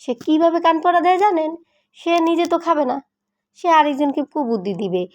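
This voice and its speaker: A woman's voice: high-pitched, lively intonation, a little fast, darkish tone. A middle-aged woman with a colloquial Bangladeshi Bengali accent, chatting in a home vlog while cooking in her kitchen and playfully scolding and coaxing her cats. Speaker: pet vlogger.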